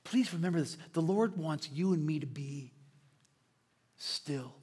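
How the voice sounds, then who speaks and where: A man preaching a sermon as pastor, swinging between loud, riled-up delivery and hushed, quiet asides. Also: fairly high pitch, unhurried, husky. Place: church sanctuary. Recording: long hall reverb.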